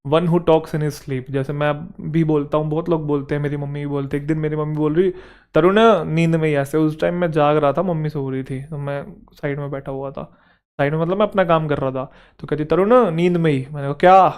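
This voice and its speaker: Young male tutor, slightly high voice, chatty and informal, checks in with students often. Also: steady tone, fairly quick, darkish tone, clean tone. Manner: conversational, often adds "theek hai bhai". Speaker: teacher. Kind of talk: vocabulary lesson.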